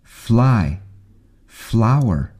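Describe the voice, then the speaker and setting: A man reading example sentences and words aloud for a radio lesson, with careful, deliberate pronunciation. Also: lowish voice, big pitch swings, a little mellow, husky. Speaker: model reader for lesson.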